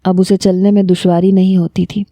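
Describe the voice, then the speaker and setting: A woman reads a romance novel aloud in a steady, even narration. Her voice is very dark and mellow, and the recording is dry and close with no room sound. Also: lowish voice, dry recording. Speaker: novel reader. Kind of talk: scripted narration.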